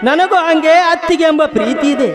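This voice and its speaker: A man's voice: very high-pitched, fairly quick, over music. An actor playing an earnest young village doctor who consoles his friend in a declamatory stage delivery.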